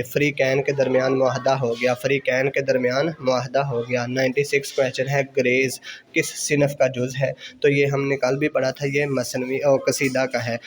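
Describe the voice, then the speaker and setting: A man's voice: medium pitch, background noise. A man teaching exam preparation, reading out quiz questions and repeating each answer several times for students to note down, with English exam terms mixed in. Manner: mixes English exam terms into his speech.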